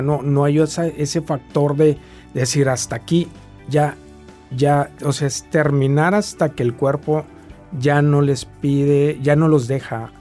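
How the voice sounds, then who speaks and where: A man, a guest specialist explaining in a halting way with many restarts. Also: a little high, warm tone. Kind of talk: explanatory talk-show interview.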